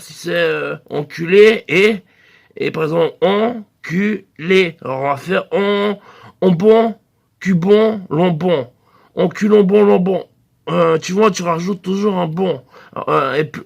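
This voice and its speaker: High, gravelly man telling a rambling comic tale. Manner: loose and meandering, full of hesitations, breaks into shrill bird-call squeals. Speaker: comedian.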